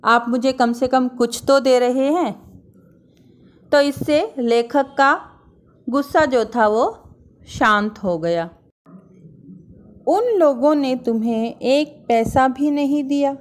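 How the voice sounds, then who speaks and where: A woman's voice: sits high, slow, long pauses. A woman teacher reading a story aloud to her class, acting out the dialogue and then retelling it in simple words. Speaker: school teacher. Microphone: online class recording.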